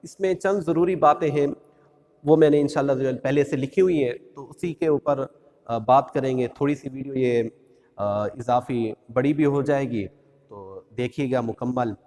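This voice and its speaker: A man's voice: medium pitch, normal speed, a little mellow, long reverb tail. A man teaching how to pronounce the letters of the Quran, patiently drawing out each sound in a sung recitation. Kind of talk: religious lesson on pronunciation.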